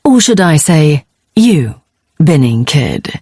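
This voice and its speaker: Brief: woman reading a ruthless mercenary woman, casual and sarcastic, low and unhurried, sci-fi audiobook. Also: very animated, mellow, slightly rough, no room sound, clean studio sound, exaggerated voice. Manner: conversational, sarcastic menace.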